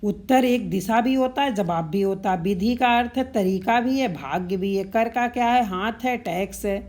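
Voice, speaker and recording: A woman's voice: medium pitch, moderate pace, darkish tone. A woman teaching Hindi synonyms and spelling for exams, running through word pairs and checking in with "ठीक है" as she goes. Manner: repetitive, drilling word pairs with frequent "ठीक है". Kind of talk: explanatory exam-prep lesson.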